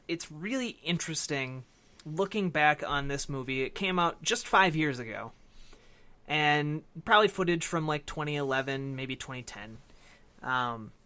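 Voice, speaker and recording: Co-hosting a casual podcast about a film and games, a man with a fairly high, pushed and bright voice feels his way through his phrases, saying "like" a lot.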